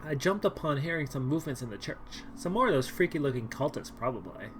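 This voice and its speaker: A female streamer performs a dating game in the first person, slipping wry, sarcastic comments between the story's lines. Though her voice is low, its pitch leaps around as she bursts into over-the-top outbursts, talking fast and expressively with a playful, theatrical flair. There's slight background noise in this dramatic read-through.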